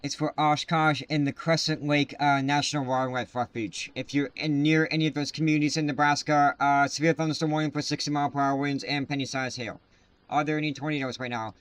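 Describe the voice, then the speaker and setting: A man hosting live severe weather coverage, talking casually and haltingly with many filler sounds at a desk mic. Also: fairly high pitch, fairly even intonation, fairly bright tone, smooth, dry recording. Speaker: livestream weather host.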